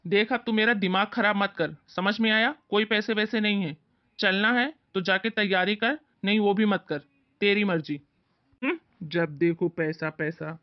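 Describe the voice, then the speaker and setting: A woman's voice: medium pitch, moderate pace, pitched below the performer's own voice, natural voice. A woman voicing a stubborn young husband who speaks curtly and scolds his wife, in an amateur family skit. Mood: irritated. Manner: curt and scolding. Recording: dull, muffled lo-fi recording.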